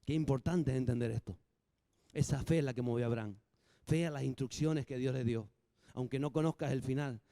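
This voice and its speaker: A man preaching a sermon, lively and humorous, acting out little dialogues between the points. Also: medium pitch, a little fast, creaky, no room sound. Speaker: pastor.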